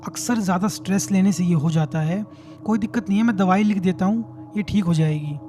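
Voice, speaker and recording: Brief: man voicing a calm, matter-of-fact doctor, high pitch, dark tone. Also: brisk, slight background noise, close to an everyday voice. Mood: reassuring. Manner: calm, reassuring.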